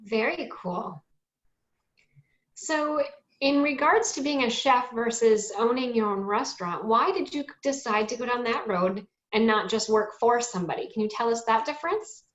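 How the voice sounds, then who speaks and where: A woman's voice: on the high side, normal speed, a bit bright, echoey room, muffled recording. A woman interviewing a guest for students, asking short, friendly questions.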